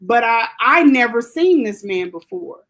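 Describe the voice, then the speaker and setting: A woman who grew up in Germany talks through a personal story as a guest in a casual interview. Her voice sits a little high. She rambles, circling back with fillers and restarts as she goes. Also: sing-song, unhurried, fairly bright tone.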